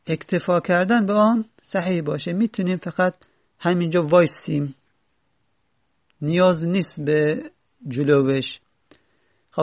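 A man's voice: fairly high pitch, vocal fry. A man teaching Arabic grammar, reading lines from an Arabic text and then explaining them step by step.

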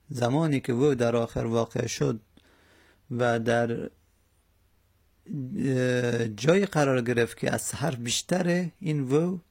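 A man's voice: mid-range voice, gravelly, darkish tone, husky. A man teaching an Arabic morphology lesson, carefully working through verb forms and repeating each one aloud.

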